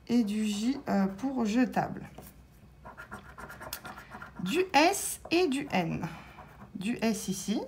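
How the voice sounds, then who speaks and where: A woman with a slightly high voice talks slowly through a scratch-card session, pausing on fillers as she checks letter after letter. A faint hiss of room noise sits behind her. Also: a little mellow. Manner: slow, hesitant, with many fillers and letter-by-letter checking. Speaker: lottery scratch-card vlogger. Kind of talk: casual commentary while scratching tickets.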